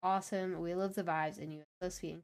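A woman's voice: lowish voice, fairly even intonation, fast talker, vocal fry, poor audio. A young woman co-hosting a casual game stream, chatting in a rambling way and reading out viewer messages. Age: young adult. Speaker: co-host.

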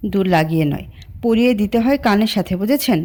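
A woman's voice: mid-range voice, expressive, a little fast, warm tone, natural voice. A woman doing a shy young woman in love. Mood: shy, playful. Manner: playful, coy pleading.

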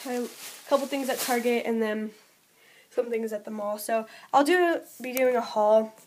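A woman's voice: a little high, normal speed, darkish tone, slight background noise. A young woman vlogging at home, chatting casually about her shopping haul, with lots of "like" and little giggly asides.

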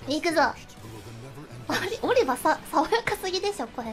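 A woman streaming a fighting game, chatting casually, often laughing and yelping excitedly as she plays, with game music behind her. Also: very high voice, moderate pace. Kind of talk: casual game livestream chat.

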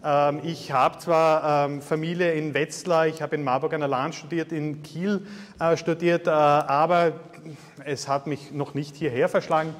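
A man in his thirties with a Styrian Austrian German accent gives a guest lecture at a university in a large, reverberant hall. His voice sits on the high side, a little slow, with little pitch movement. He's chatty and self-deprecating, filling his speech with lots of filler sounds.

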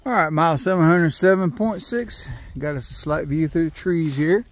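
A man's voice: a little high, moderate pace. A man vlogging to camera while hiking, talking in a folksy, upbeat way and calling his viewers y'all. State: out of breath. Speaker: hiker vlogging a long trail. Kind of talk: casual trail vlog to camera. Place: outdoors on a mountain trail.

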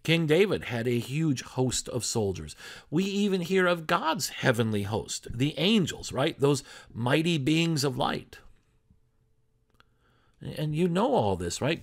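A man's voice: medium pitch, vocal fry. A man pastor giving a sermon in a conversational preaching style, full of rhetorical questions.

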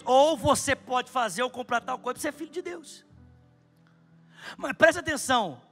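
A man in his thirties with a Brazilian Portuguese accent preaches a sermon from a large church stage into a handheld mic. His extremely high, gravelly voice swings between soft asides and loud, fervent shouting.

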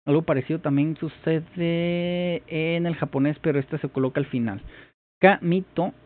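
A man with a fairly high voice talks at a moderate pace, vlogging his first attempt at a new language. He thinks aloud hesitantly, repeating phrases as he works them out in casual commentary. The recording sounds tinny, like a phone.

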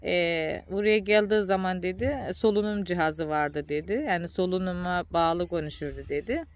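A woman's voice: fairly low pitch, moderate pace. A tired woman, chatting casually to her viewers as a vlogger and often calling them dear ones.

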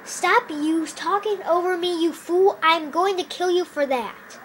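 Woman, high and unhurried, goofy roleplay narrator switching voices; hiss and noise behind. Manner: goofy, jumps between playful character voices. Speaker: roleplay narrator voicing game characters. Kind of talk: homemade game roleplay. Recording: noisy home recording.

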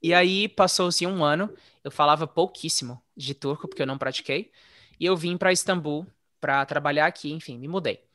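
A man telling his story in a relaxed, chatty way, as a guest in a casual interview. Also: fairly high pitch, normal speed, no room sound, clean studio sound. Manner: relaxed, chatty, frequent "né?" tags. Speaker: interview guest, former English teacher living abroad.

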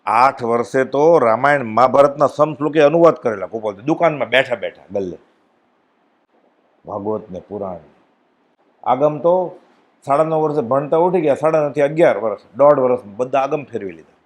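A man giving a devotional discourse at a spiritual gathering, telling stories and acting out the dialogue with sudden rises and drops in his voice. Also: normal speed. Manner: animated storytelling, acts out dialogue with swings in pitch and loudness. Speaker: spiritual speaker at a satsang.

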